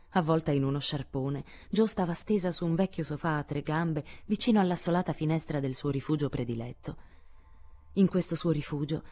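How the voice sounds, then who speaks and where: A woman narrating a classic novel as an audiobook reader, in a calm, measured literary reading. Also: low voice. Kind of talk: scripted narration.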